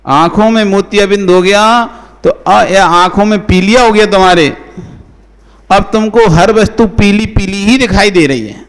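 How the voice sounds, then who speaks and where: A monk delivers a sermon in a high, light voice. He keeps it conversational, putting rhetorical questions to the listeners and calling on them by name. His voice rings out with a long reverb, as in a large hall. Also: normal speed, smooth. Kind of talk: devotional sermon.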